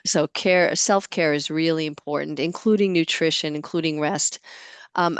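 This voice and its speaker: Low, smooth-voiced woman presenting a webinar. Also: no room sound. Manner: earnest, explanatory, with soft fillers. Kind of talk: informative webinar talk. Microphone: video call.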